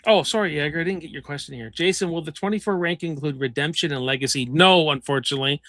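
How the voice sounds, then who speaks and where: A man hosts a casual livestream with a bright, forceful voice pitched a little above the usual. He reads viewer comments aloud with plenty of ums and uhs. The sound is dry and close. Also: quick pace, dry recording. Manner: reads chat comments aloud, many fillers. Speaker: livestream host.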